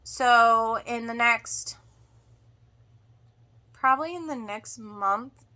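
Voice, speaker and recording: A woman giving a casual homestead update to viewers in a halting way, sounding drained and emotional after surgery. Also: a little high, bright, forceful tone. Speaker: homestead vlogger.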